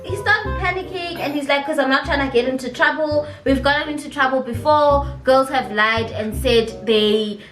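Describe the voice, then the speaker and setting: A woman's voice: sits high, moderate pace, few pauses. A young woman with a South African accent chatting casually, giggly and playfully defensive as she retells a story. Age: young adult. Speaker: friend joining the storytime. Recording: echoey room with music behind.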